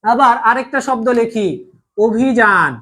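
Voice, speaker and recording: A man's voice: very high-pitched, a little fast, fairly bright tone. A young man with a Bangladeshi Bengali accent teaching an online grammar class, repeating each point and checking over and over whether everyone has understood. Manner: repetitive, drilling, keeps asking if all is clear.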